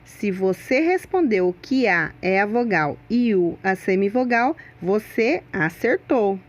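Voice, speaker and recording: Woman, teacher, scripted grammar lesson, slow deliberate delivery, lively rising and falling pitch, fairly high voice. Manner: slow, deliberate, stresses sounds in example words. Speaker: Portuguese teacher.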